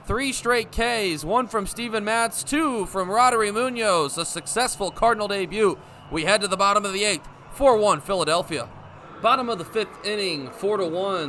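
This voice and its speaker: High-pitched, bright and forceful, a man in his twenties announces a baseball game on radio. His play-by-play is descriptive and measured, building as the action rises. The recording is clear, carrying background ambience noise.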